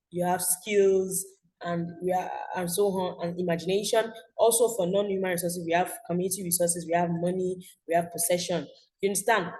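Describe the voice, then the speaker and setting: A woman's voice: lowish voice, rough recording. A young Nigerian woman teaching an online school class, chatty, often checking "you understand?".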